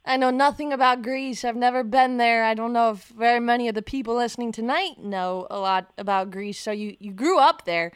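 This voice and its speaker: A woman hosting a radio talk show from a studio, chatty and quick to laugh. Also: on the high side, clear, resonant tone, no room sound.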